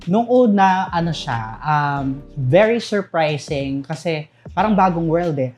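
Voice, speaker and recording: A man's voice: on the high side, animated, slow, a little mellow, soft background music. A young man with a Visayan accent, speaking as a guest in a casual interview and laughing often. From Southern Leyte, Philippines. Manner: candid, laughs often while telling stories. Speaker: guest, call center manager.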